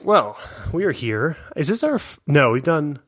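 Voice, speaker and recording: A man's voice: on the high side, sing-song, normal speed, fairly bright tone, no echo, studio quality. Rambling man co-hosting a movie podcast. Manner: rambling, jokey, full of restarts. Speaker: podcast co-host. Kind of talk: casual movie-review chat.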